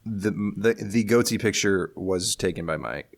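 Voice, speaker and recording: Low-voiced young man, swearing and joking. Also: normal speed, creaky. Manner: swearing, jokey, laughs often. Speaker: player. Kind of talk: playing a tabletop game, casual chat.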